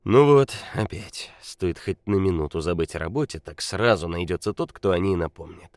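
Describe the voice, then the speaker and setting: Drunk blustering mine boss, slurring and loud, voice jumping high , as a male narrator puts him on. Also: animated, moderate pace, dry recording, studio quality. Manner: slurring, shouting, swaggering. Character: drunk boastful male quarry owner, loud and unruly.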